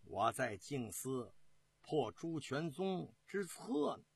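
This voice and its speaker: A storyteller voicing a calm, composed older male army commander, in a husky voice with slow, deliberate speech. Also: mid-range voice, full character voice. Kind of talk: traditional storytelling.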